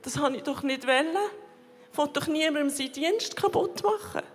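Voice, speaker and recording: High-voiced Swiss woman giving a testimony. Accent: Swiss German. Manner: halting, fragmented phrasing with repeated words. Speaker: church member giving a testimony. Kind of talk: emotional personal testimony. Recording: long reverb of a large hall.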